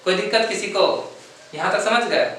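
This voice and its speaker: A man's voice: high voice, expressive, normal speed, sharp tone. A man teaching a math lesson, explaining step by step and often checking that his students have understood. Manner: asks "samajh gaye?" again and again. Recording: echoey room, voice far from the mic.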